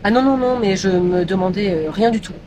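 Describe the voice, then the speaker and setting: A woman's voice: medium pitch, a little fast. Hesitant, awkward woman in a comedy sketch. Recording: noisy background.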